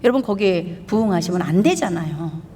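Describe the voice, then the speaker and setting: A woman's voice: lowish voice, animated, a little fast, mellow, slightly rough. A woman pastor preaching an emphatic sermon, putting rhetorical questions to her congregation. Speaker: pastor and missionary. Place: church sanctuary. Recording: long reverb of a church hall.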